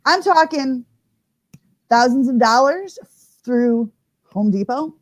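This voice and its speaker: A woman's voice: sits high, slow. A woman hosting a live stream and announcing a contest with lots of energy, hyping it up with slang and laughs. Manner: energetic, hype-building, laughs often; slang-heavy, says "like" a lot. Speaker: host.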